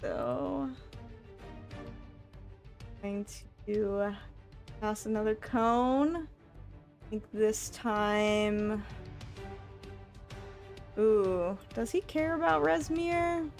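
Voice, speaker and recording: Slow-talking woman running a tabletop game. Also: medium pitch, darkish tone, soft background music. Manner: unhurried, laughs often. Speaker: dungeon master.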